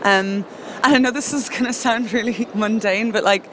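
A woman's voice: fairly high pitch, fairly even intonation, moderate pace, fairly bright tone. A woman hosting a casual on-location podcast interview, chatty, informal and appreciative. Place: busy public exhibition space in city centre. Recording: noisy public space, urban background din. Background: people and urban ambience.

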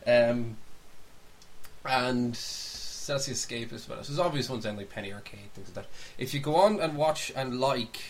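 A man co-hosting a podcast chats casually, informal and opinionated, rambling as he shares his views and recommendations. His mid-range voice is unhurried. The recording is rough, with faint background hiss.

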